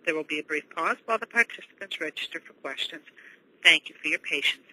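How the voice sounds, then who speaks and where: A woman's voice: deep voice, quick pace, slight background noise, rough recording. A woman working as a conference call operator, reading formal scripted announcements. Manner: formal, even.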